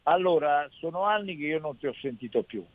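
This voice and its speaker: A rambling male caller with a southern Italian accent who keeps restarting his sentences. His voice is fairly high and comes through a tinny phone line. The sound is dry, with no room around it. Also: animated, brisk, dry recording. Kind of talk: phone call-in chat.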